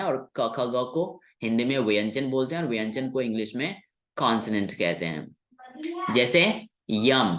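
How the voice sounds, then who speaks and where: Key words get repeated slowly as a native Hindi-speaking man patiently explains English sounds to a class. His voice sits in the mid-range with a fairly bright tone.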